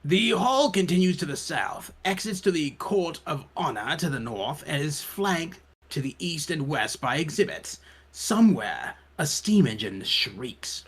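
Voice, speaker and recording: A man's voice: fairly high pitch, lively intonation, a little slow, a bit bright, husky. A man reading game text aloud for a let's play from home, his voice glitching and cutting out over a voice chat call. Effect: voice glitching and cutting out over an online call. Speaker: let's player. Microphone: voice chat mic.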